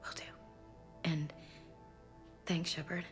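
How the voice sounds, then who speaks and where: An actress playing an earnest, proud and grieving female soldier in a video game, with a slightly gravelly voice. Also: low voice, flat delivery, takes it slowly, soft background music. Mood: quiet, resolved. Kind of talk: video game dialogue acting.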